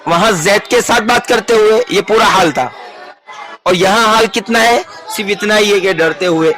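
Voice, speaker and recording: A man's voice: high voice, sharp tone, faint music behind. A male teacher giving a classroom grammar lesson, coaxing his students to repeat sentences after him. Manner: coaxing, call-and-response drilling.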